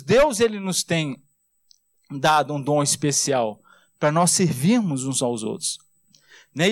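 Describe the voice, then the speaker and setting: A Brazilian man preaching a sermon as a pastor, in a conversational style full of rhetorical tag questions, slowing down and dropping low on key words. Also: no room sound. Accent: Brazilian Portuguese. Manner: slows and drops low on key words, then rises fast.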